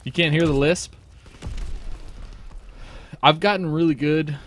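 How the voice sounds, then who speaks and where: A man giving casual, jokey commentary while streaming a game, breaking into quick exclamations. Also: fairly high pitch, steady tone, fairly bright tone, slight background noise. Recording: game gunfire under the voice. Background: game gunfire and explosions.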